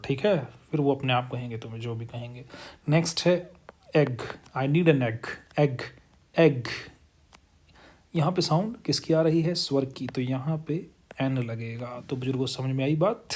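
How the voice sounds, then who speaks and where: A man runs an English grammar lesson in Hindi, joking with his students and calling them pet names. He stretches out example words slowly for pronunciation practice, and his English carries a Hindi accent. His voice sits at an ordinary middle pitch for a man. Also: a little mellow. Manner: playful, teasing, calls students "buzurgon" and "bhaiya ji".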